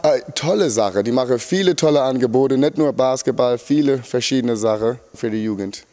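A middle-aged man, a basketball coach, answering interview questions in a sports hall, halting with many fillers. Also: mid-range voice, dark tone, soft background music. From Germany.

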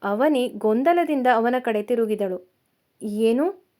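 Give me a woman storyteller with a fairly high voice, narrating a romance calmly. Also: a little slow.

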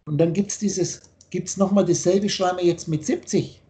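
A man's voice: high voice, steady tone, moderate pace, mellow. A man teaching on a video call, lecturing insistently and spelling out letters as he explains. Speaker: spiritual teacher.

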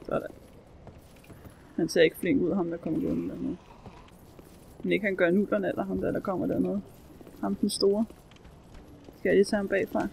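A woman giving excitable let's play commentary, swearing and shrieking as she plays. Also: mid-range voice, creaky, long pauses, noisy background. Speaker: gamer.

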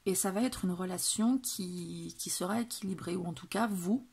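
A woman's voice: lowish voice, moderate pace, darkish tone, husky. A woman doing a casual tarot reading for viewers, talking with many hesitations and restarts. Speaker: tarot reader.

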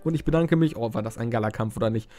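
A man's voice: medium pitch, rapid-fire, mellow, no echo. A young man giving casual, rambling gameplay commentary, cracking crude jokes and interrupting himself. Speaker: Let's Play host.

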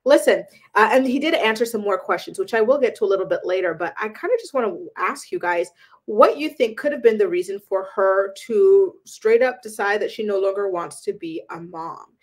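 A woman's voice: mid-range voice, expressive, brisk. A woman hosting a celebrity gossip channel, talking casually and with opinions, often using "um" and "like". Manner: chatty and opinionated, frequent "um" and "like".

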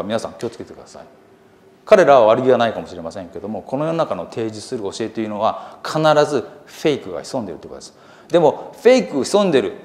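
A male preacher with a lively, rising and falling voice delivers an earnest church sermon. He presses his points with emphasis and slows down deliberately when reading scripture aloud. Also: mid-range voice. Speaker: seminary lecturer preaching.

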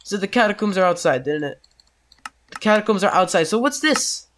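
A man's voice: high-pitched, expressive, a little fast, a bit bright, slight background noise. A man who is sick, giving casual, jokey let's-play commentary on a horror game and getting easily spooked. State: sick, coughing. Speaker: gameplay commentator.

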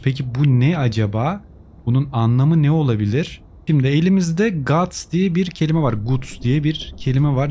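A man's voice: medium pitch, mellow. A man commentating a game video, translating lines and musing aloud as he clicks. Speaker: gaming youtuber. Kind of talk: let's play commentary.

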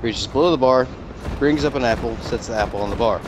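A gamer man talking over a headset, loosely retelling a bar joke and putting on the quoted lines. His pitch sits in the middle range. Game gunfire and ambience rumble clearly underneath. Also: a little fast. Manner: rambling storyteller, acts out quoted lines. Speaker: gamer in party chat. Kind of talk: casual chat, joke telling. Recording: game sounds behind, noisy.

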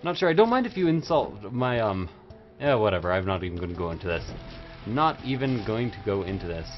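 This young adult livestream host plays a video game and gives casual, silly commentary with tipsy, rowdy party-animal energy. His voice is lowish, sing-song and fairly quick, picked up by a microphone held close to his face. Game music fills the background of the dull, lo-fi audio.

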